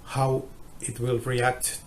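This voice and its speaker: A man explaining a guitar measurement test, halting and restarting often, heard through a low-quality phone recording. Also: monotone, a little hiss or hum. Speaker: guitar tester.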